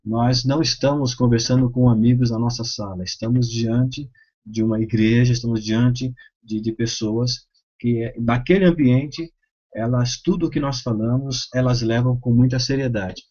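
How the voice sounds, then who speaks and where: A man, a pastor, teaching a course on preaching with a Brazilian Portuguese accent, giving measured advice with frequent hesitations. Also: mid-range voice, fairly even intonation, darkish tone. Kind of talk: instructional talk. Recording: slightly dull, lo-fi sound.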